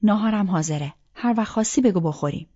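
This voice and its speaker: A woman voicing a caring middle-aged mother who fusses gently over her daughter, in a soft, homely way, on a dull lo-fi recording. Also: medium pitch, expressive, lightly acted. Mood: gentle, fussing.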